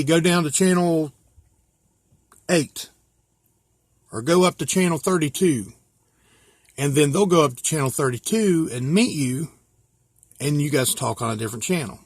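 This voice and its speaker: An American hobbyist with a slightly high voice walks through his gear in a casual, folksy, hands-on way, explaining plainly step by step. He talks at a moderate pace with long pauses, and the sound is dry with little room echo.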